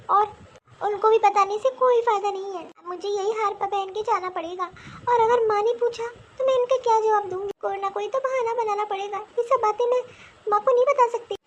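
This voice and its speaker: A woman's voice: very high voice, normal speed, lo-fi sound, slight background noise. A woman voicing a young elder daughter-in-law in a cartoon, earnest and firm in her manner. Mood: aggrieved. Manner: earnest, pleading then firm. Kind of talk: cartoon voice acting.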